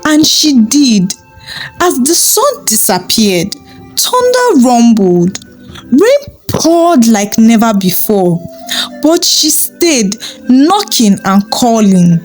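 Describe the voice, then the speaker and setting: Background music plays as a female storyteller tells a dramatic folktale. Her delivery is unhurried and expressive, lifting in pitch whenever the story reaches a key moment.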